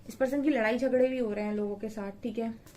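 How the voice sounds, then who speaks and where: Woman, tarot reader, fairly high voice, flat delivery, chatty explaining. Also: fast talker. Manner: conversational, explaining card meanings to viewers. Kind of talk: tarot reading monologue.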